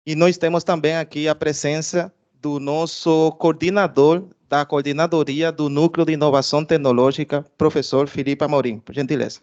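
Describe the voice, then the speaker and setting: A man's voice: on the high side, steady tone, moderate pace, hardly any pauses, a little mellow, highs cut off. Cuban-accented man giving a formal presentation. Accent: Cuban Spanish. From Cuba. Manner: hesitant, many filler sounds and restarts. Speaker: research director giving an institutional presentation.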